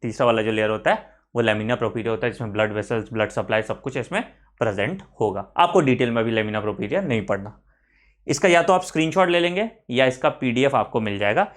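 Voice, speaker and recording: A man's voice: medium pitch, lively intonation. A man with an Indian accent giving an online biology lecture for exam preparation, switching between Hindi and English terms and often checking in with his students. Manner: mixes Hindi with English terms, repeats key phrases, frequent "ठीक है" check-ins; slows right down to spell out technical terms. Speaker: biology teacher.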